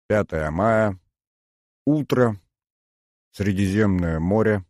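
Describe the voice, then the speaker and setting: A man reading a novel aloud in an unhurried, lyrical storytelling manner. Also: lowish voice, dark tone, no room sound, clean studio sound. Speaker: audiobook narrator. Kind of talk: scripted narration.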